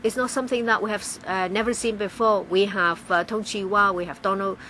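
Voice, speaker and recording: Woman, simultaneous interpreter, halting delivery, frequent restarts, faint background noise. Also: mid-range voice, fairly even intonation, pushed and bright, low-quality recording. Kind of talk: live interpretation of a legislative debate.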